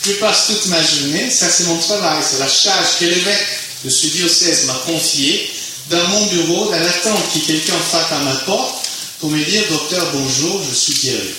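Italian man with an accent, non-native French, self-deprecating public talk; raised pitch, booming reverb, clear noise behind. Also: moderate pace. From Italy. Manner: self-mocking, chatty, slightly broken French. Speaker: physician guest speaker. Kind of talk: public talk to a youth group. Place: large tent at a youth camp. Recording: echoey tent with clear background noise.

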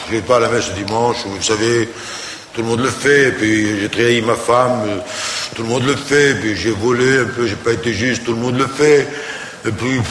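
A man's voice: medium pitch, fairly bright tone, roomy sound, big-room sound, a little hiss or hum, natural voice. A man voicing a careless churchgoing man who lists his sins with offhand excuses.

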